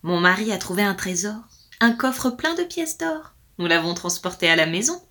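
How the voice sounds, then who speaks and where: A woman voicing a talkative, credulous peasant wife in a storybook reading, high and excited. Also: moderate pace. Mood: eager, chatty.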